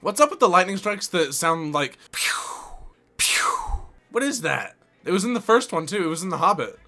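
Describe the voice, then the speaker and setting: A man's voice: high voice, very animated, fast. A man giving casual reaction commentary as he watches a film, with its soundtrack playing behind him. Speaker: reaction video host. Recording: loud film music bleeding behind. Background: film soundtrack with music and effects.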